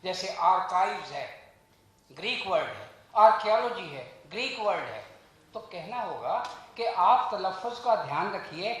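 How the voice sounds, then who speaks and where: A man's voice: high-pitched, lively intonation. Earnest man speaking in an echoey hall. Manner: measured, earnest, rhetorical, recites verse. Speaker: guest speaker at a book launch. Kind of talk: formal speech on language and pronunciation. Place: event hall.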